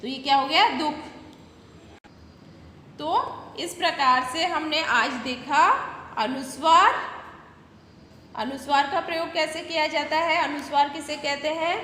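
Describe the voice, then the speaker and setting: A woman teaches young children in a high, bright voice, saying each word slowly and patiently. She asks them simple questions as she goes. The room echoes with a long reverb and a faint hiss. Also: steady tone. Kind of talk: slow classroom video lesson for young children.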